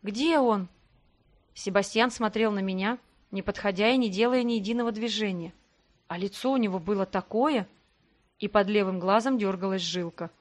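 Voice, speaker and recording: A woman narrating a first-person fantasy audiobook in an expressive voice with dry irony. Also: mid-range voice, a little fast.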